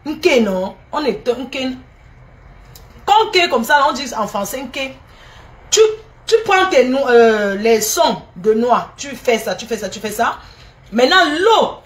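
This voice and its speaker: A woman's voice: on the high side, very animated, takes it slowly. A middle-aged woman talks viewers through a recipe in a casual cooking video, repeating each step and teasing and scolding as she goes. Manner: repetitive, teasing and scolding, addresses viewers directly. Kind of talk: casual spoken recipe demonstration.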